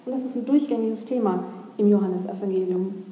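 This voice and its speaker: A woman's voice: medium pitch, brisk, dark tone. A woman pastor giving a sermon, reflective and thinking aloud with questions. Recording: long hall reverb, echoey church.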